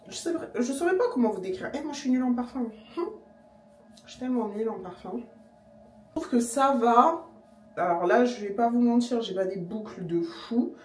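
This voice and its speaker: A young woman chatting casually to camera in her vlog, slangy and relaxed, sometimes talking with her mouth full. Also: on the high side, normal speed. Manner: chatty, slangy, talks while eating. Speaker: vlogger. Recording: echoey room, voice a bit distant.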